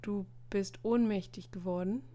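A woman voicing an earnest teenage schoolboy who reasons in a measured, slightly formal way. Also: medium pitch, steady tone, dark tone, close to an everyday voice.

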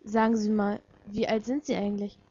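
A stern, formal older butler with a guarded telephone manner, as a woman reading a fan story puts him on, his husky, mellow voice sitting fairly high. The recording is dull and lo-fi, like a home microphone. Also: fairly quick, dry recording, close to an everyday voice.

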